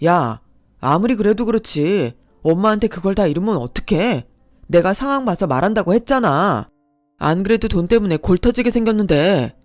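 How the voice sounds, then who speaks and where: An irritated husband, voiced by a woman narrator, answers curtly and defensively. The reading is dry and close, with soft music underneath. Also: lowish voice, expressive, normal speed, dry recording, natural voice.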